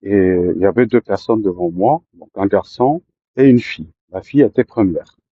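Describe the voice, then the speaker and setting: A man telling his own life story to listeners, often pausing with fillers and restarting his sentences. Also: on the low side, slightly rough, no echo, muffled recording. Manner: hesitant, many fillers and restarts. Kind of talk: personal storytelling to camera.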